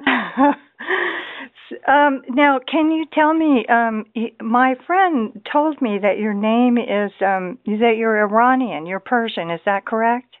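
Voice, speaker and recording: A woman's voice: on the high side, slow, no echo. A woman hosting a radio interview, asking curious follow-up questions. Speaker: radio show host. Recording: dry, phone-like narrow band.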